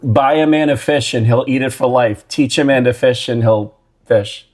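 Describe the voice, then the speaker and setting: A man's voice: medium pitch, normal speed. A man co-hosts a casual music podcast from a living room. He jokes around and rambles, with plenty of fillers and restarts. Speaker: podcast co-host. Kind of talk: casual chat.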